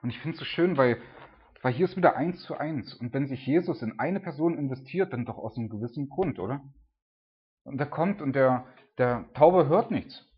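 A man's voice: medium pitch, lively intonation, normal speed, slightly rough, highs cut off. A middle-aged father talking informally through a Bible passage, with lots of filler words. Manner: chatty, many fillers like "ne" and "so". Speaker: Bible teacher.

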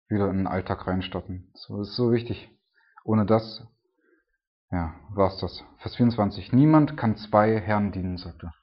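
Husky-voiced man preaching casually. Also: fairly low pitch, muffled recording. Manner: conversational, frequent tag "ne?" and "so". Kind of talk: casual sermon.

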